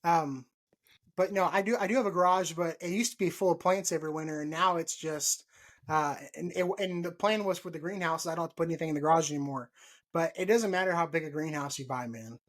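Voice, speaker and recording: Fast, fairly high-pitched, and fairly bright in tone, a thirtysomething Texan hosts a relaxed gardening podcast over a video call. He's in a home room, laughing frequently and saying things more than once.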